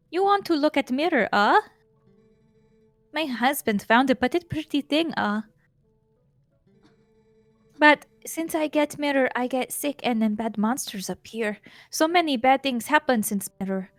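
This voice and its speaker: A woman's voice: high voice, no echo, pitched above the performer's own voice. Woman putting on a sick Russian yeti lady. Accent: put-on Russian. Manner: broken English, slow and halting. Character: small sick female yeti wife, needy.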